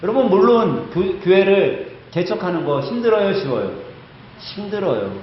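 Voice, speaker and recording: A man's voice: high-pitched, animated, moderate pace, a little hiss or hum. A male pastor preaching a sermon, emphatic, telling a story and putting rhetorical questions to the congregation. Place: church sanctuary. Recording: echoey church hall, slightly dull sound.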